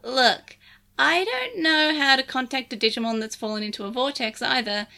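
Woman doing a gruff, blunt Digimon partner. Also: high-pitched, lively intonation, moderate pace, bright, forceful tone, full character voice.

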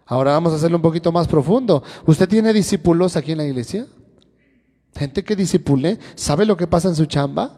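A man's voice: fairly high pitch, a little fast, dark tone. A man teaching a sermon to a congregation, firing rhetorical questions at them one after another. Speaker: church teacher. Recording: long reverb of a church hall.

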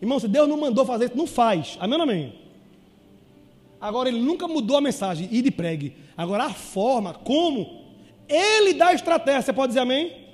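A man with a Brazilian Portuguese accent preaching a sermon, acting out conversations with call-and-response and shouted peaks. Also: extremely high pitch, expressive, fast, long reverb tail. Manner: call-and-response, repeatedly asking "amém ou não amém?".

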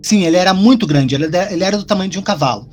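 A man co-hosting a podcast, telling a personal story in casual, animated, profane chat. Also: sits high, racing.

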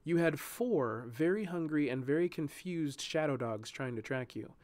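A man voicing a terse, sharp-tongued young woman guardian in a spoken storybook, low and dry in manner. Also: expressive, normal speed, lightly acted. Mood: dry, curt.

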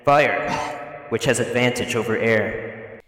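A man's voice: mid-range voice, slow pace, a bit bright. A man voicing a robed magic teacher in digital echo. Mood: lecturing. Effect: digital echo, added because it is a memory. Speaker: game master.

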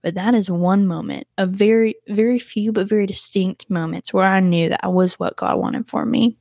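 A young woman talks casually into a close microphone in a dry, dead room, her voice warm and mellow. She tells her story in a chatty, everyday way and scatters "like" through her sentences. Her voice leaps up whenever she plays out what other people said. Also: normal speed, creaky, dry recording. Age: young adult. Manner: chatty, full of "like" fillers, jumps high when acting out others' words. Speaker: podcast host.

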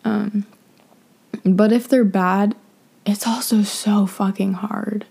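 A woman's voice: medium pitch, steady tone, takes it slowly, gravelly, dark tone, husky. A young woman hosting an advice podcast, talking frankly and rambling with lots of fillers and swearing. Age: young adult. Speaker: podcast host. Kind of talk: casual advice monologue.

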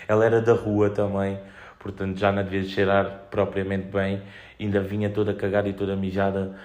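A man's voice: sits low, completely flat delivery, fairly quick, a little mellow. A young man with a European Portuguese accent, chatting casually on his own in a slangy, sweary, joking way, telling rambling anecdotes as a podcast host.

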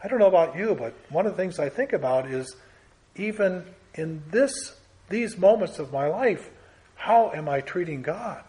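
A man's voice: sits high, expressive, normal speed, warm tone. A man preaching a Bible teaching sermon in an earnest, emphatic way, building through lists and pressing key words.

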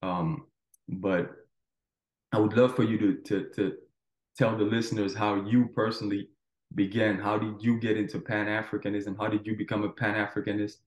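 A man's voice: on the low side, flat delivery, normal speed. A man hosting a podcast interview in an informal, affirming, conversational way. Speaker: podcast host. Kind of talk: casual interview chat. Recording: echoey, roomy sound.

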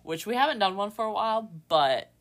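A woman's voice: mid-range voice, lively intonation, brisk, fairly bright tone. A woman co-hosting a sports podcast in a chatty, informal way, with slight trouble on her R sounds. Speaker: podcast co-host. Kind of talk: casual sports podcast chat.

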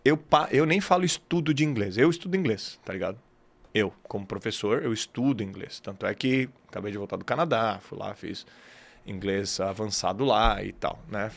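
A man's voice: on the low side, normal speed, gravelly. A man, an English teacher, talking as a guest in a casual podcast conversation, explaining emphatically with lots of slang.

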